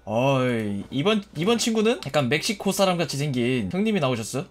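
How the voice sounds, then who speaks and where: A man casually commenting on his own gameplay, jokey and animated, swearing and yelping at enemies. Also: a little high, a little fast, slight background noise. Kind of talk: casual let's-play commentary.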